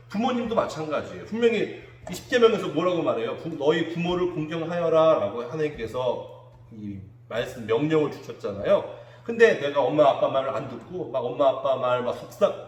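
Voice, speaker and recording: Lively male children's pastor, echoey hall. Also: mid-range voice, brisk. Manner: animated, acts out children's quotes. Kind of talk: children's sermon. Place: church room.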